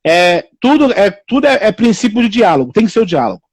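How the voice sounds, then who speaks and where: Preacher guy on a live stream, really high voice, dry close sound, keeps repeating himself. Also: fairly quick, no room sound. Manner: repetitive, animated, acts out quoted people in raised voices.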